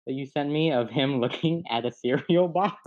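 A young man with a mid-range, slightly mellow voice chats casually at a normal speed. He rambles, laughs at himself, and loses his train of thought, all on a dull lo-fi recording.

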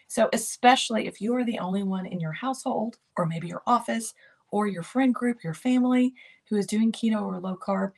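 Older woman host with a gravelly edge, upbeat coaching delivery. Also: medium pitch, darkish tone. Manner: encouraging, repetitive coaching phrases. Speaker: host of a keto lifestyle channel. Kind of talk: motivational talk to camera.

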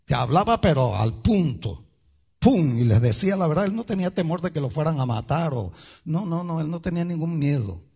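A male pastor preaching a sermon, emphatic, swinging between loud and soft and speaking straight to the congregation. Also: fairly high pitch, expressive, brisk, gravelly, breathy edge. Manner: addresses the congregation directly.

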